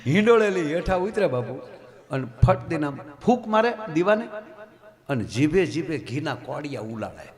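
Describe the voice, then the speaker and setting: Lively Gujarati folk storyteller man. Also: moderate pace. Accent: Gujarati, Saurashtra. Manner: dramatic storyteller who acts out characters, big pitch swings. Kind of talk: live dayro storytelling to an audience. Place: live stage program.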